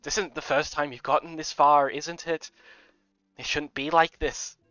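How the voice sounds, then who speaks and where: A man voicing an older head housemaiden woman with a slight Scottish accent, soft and pleading, reading a game aloud. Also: on the high side, level tone, moderate pace, no echo. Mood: sorrowful. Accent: slight Scottish put-on. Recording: dull lo-fi recording.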